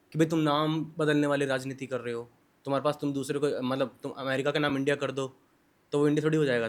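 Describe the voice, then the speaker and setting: Man pressing a pointed question. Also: on the high side. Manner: pointed questioner, frequent listening murmurs. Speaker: podcast host. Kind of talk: interview questions.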